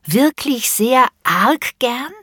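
A woman's voice: on the high side, lively intonation, very slow, fairly bright tone, breathy edge, no room sound, studio quality, voice pushed up, heavily acted. A woman voicing a curious, persistent little girl in a children's story. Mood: sly insistent.

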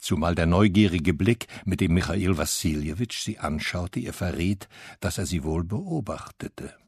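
Gravelly low-voiced male audiobook narrator. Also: darkish tone, no echo, clean studio sound. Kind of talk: scripted narration.

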